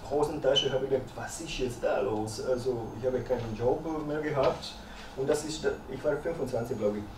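A Croatian-accented guest speaker in his 50s with a mid-range voice gives a hesitant lecture full of "äh" fillers to a small audience in a dim lecture salon with a projector. A far room camera captures it, so the sound is echoey and distant with faint noise.

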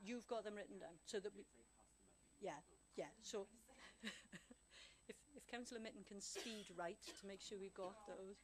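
A woman council officer explaining the voting procedure clearly and deliberately, checking that everyone understands, on a desk microphone in a council chamber. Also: mid-range voice. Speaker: council officer advising members.

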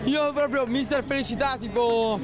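A young Italian man gives casual contestant answers in a very high voice. He is outdoors at an event, and loud music and a crowd are all around him. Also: moderate pace. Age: young adult. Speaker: quiz contestant. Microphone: host's handheld microphone held out.

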